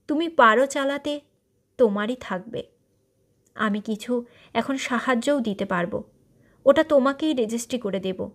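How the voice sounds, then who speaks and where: A woman's voice: fairly high pitch, natural voice. A woman voicing an ailing older wealthy man who speaks earnestly and persuasively in a story reading.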